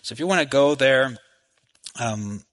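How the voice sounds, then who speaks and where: Man, forties, preaching, bright and tense voice, conversational sermon, frequent restarts. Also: medium pitch, expressive, unhurried, low-quality recording. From Texas. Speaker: guest preacher. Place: church sanctuary. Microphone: microphone.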